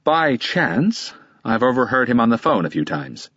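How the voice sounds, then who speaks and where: Man voicing a clipped defensive lawyer, husky low voice, dry muffled audiobook sound. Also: lively intonation, fast, a bit bright, no echo. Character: guarded middle-aged male lawyer, curt and defensive.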